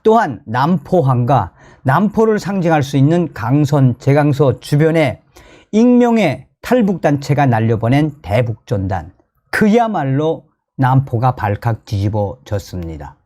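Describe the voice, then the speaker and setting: Hosting a commentary channel, a North Korean man with a North Korean accent talks viewers through the news in an emphatic, excitable manner. His voice is mid-range and a little slow, and he tends to repeat phrases.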